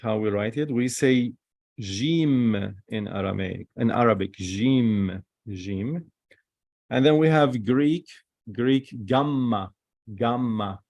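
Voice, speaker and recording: A man teaching the Hebrew alphabet, repeating each sound slowly and with non-native phrasing. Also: medium pitch, creaky, darkish tone, no room sound, clean studio sound. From Holy Land. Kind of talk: classroom lesson.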